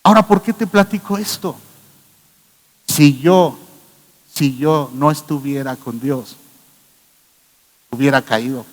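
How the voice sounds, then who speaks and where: A Mexican man, a pastor, preaches a sermon in a church hall, telling stories with emphasis and imitating the people he quotes. His voice sits in the mid range, and he speaks slowly with frequent pauses. The recording carries the long reverb of the hall.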